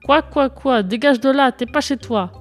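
A woman's voice: high voice, moderate pace, soft background music, voice pushed up. A woman voicing a chorus of angry farm geese, squawking and scolding in a read-aloud story. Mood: indignant squawking.

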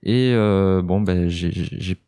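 A man on a radio panel, speaking earnestly and haltingly, repeating words as he searches for them. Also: sits low, dark tone, clean tone. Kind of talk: casual panel talk.

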